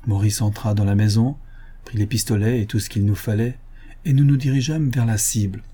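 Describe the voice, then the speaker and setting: Man reading an old novel aloud, soft dark tone, bit husky, steady and expressive. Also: fairly low pitch. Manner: measured, expressive first-person storytelling. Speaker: audiobook narrator. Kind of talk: literary audiobook narration.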